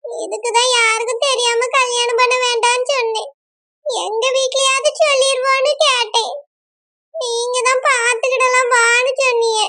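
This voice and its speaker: A very high, sharp, bright voice for a worried young bride in a village drama, voiced by a woman, speaking Kanyakumari-accented Tamil. She pleads and scolds in quick bursts. The tone stays anxious and reproachful. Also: level tone, no echo, clean studio sound.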